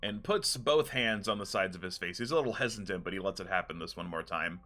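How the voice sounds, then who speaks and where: A man running a tabletop game as game master, narrating scenes in a relaxed, storytelling way. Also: low-pitched, fast talker, soft background music.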